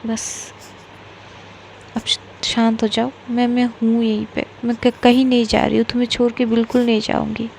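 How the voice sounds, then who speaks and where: A woman with a Bengali accent voicing a caring young woman who comforts and gently teases her partner. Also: level tone, moderate pace, vocal fry, a little hiss or hum. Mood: soothing. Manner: soothing then teasing, a bit higher and brighter.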